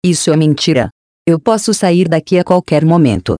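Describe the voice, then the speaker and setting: A woman's voice: deep voice, expressive, normal speed, mellow, dry recording, studio quality. A Brazilian narrator voicing an anxious, defiant young girl in an audiobook. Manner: anxious, questioning.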